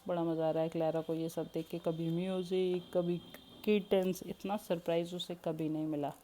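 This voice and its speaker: A woman's voice: on the low side, little pitch movement, normal speed, mellow, slight background noise. A woman telling a children's story expressively, with English words mixed in. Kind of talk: storybook narration.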